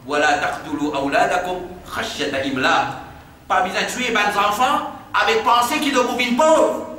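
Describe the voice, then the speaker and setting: Mauritian male preacher, high and bright voice, recorded far off in a very echoey hall with faint hiss. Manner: recites Arabic verses quickly, then translates line by line; drops to a hushed, low tone when telling stories. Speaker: Islamic preacher. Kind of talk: sermon explaining Quran verses. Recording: very echoey hall, distant mic, faint noise.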